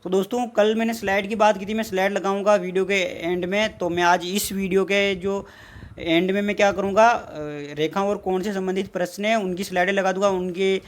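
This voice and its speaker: A man's voice: high voice, little pitch movement, fairly quick. A man from India, teaching an exam-prep math lesson at a board. He repeats his points and asks questions that he answers himself.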